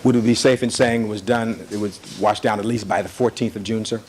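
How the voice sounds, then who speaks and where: A man's voice: lowish voice, fairly even intonation, brisk, darkish tone, a little hiss or hum. A man cross-examining a witness as an attorney in a courtroom recording, pressing with repeated leading questions.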